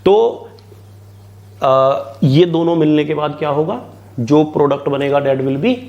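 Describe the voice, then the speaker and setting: A man's voice: a little high, takes it slowly, darkish tone, dull audio. Chatty Indian biology teacher, man. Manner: chatty, keeps asking and answering his own questions, mixes in English terms. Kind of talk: online exam-prep lecture.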